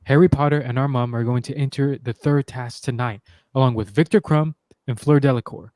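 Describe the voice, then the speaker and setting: A man voicing a calm, planning young male wizard in a fan voice-acting read-through, talking in a steady, matter-of-fact way. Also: mid-range voice, brisk, no echo, close to an everyday voice.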